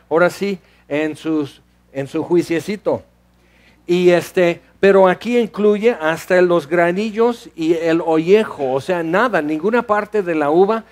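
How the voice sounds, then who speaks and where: A man teaching a Bible study, reading scripture aloud and explaining it in a relaxed, conversational way with casual asides. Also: high-pitched.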